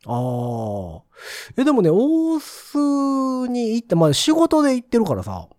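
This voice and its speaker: Male podcast co-host, Kansai accent, colloquial and inquisitive, soft mellow tone, dry close sound. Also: very high-pitched, wildly swooping pitch, measured pace, no echo. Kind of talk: casual chat.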